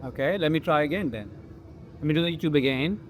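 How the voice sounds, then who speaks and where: A man's voice: fairly high pitch, quick pace, background noise. A man trying out a product and reacting casually in short, conversational remarks.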